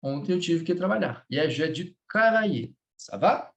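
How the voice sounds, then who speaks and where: A man's voice: fairly high pitch, lively intonation, moderate pace, gravelly, a bit bright. A Brazilian man teaching French in a live lesson, speaking Portuguese with a Brazilian accent, patiently repeating words and checking in with his students.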